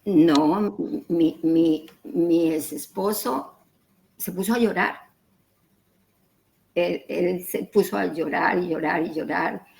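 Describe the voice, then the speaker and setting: A woman's voice: lowish voice, slow, creaky, a little mellow, poor audio. A middle-aged woman telling her personal story in an interview, acting out the dialogue in quoted voices and repeating words as she goes. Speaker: interview guest.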